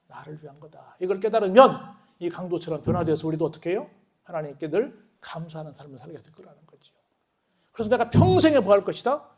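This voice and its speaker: A male pastor preaching a sermon in a church, asking the congregation questions and telling stories with animation. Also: sits high. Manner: call-and-response questions, animated storytelling. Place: church sanctuary.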